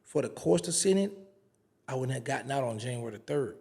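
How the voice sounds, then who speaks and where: A man's voice: medium pitch, brisk, vocal fry, husky. A man, an interview guest telling a casual story and acting out the dialogue. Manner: animated storyteller, acts out quoted dialogue.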